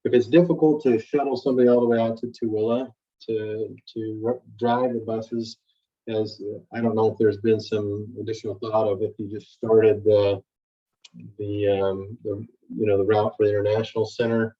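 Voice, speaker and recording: A man's voice: on the low side, little pitch movement, normal speed. A man giving a hesitant, trailing public comment over a distant, muffled call.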